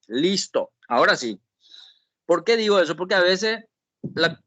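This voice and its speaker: A man's voice: on the high side, bright, forceful tone, dry recording. A man teaching an online spreadsheet class, explaining step by step and often checking in with the students. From Paraguay. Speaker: Excel instructor. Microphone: video call.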